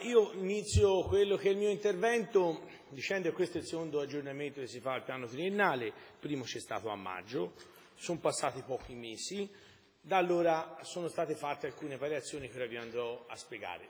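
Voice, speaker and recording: Man explaining council plans. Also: a little high. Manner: repetitive, explanatory, speaks in circles. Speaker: deputy mayor. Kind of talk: formal council speech. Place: council chamber. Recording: reverberant council chamber.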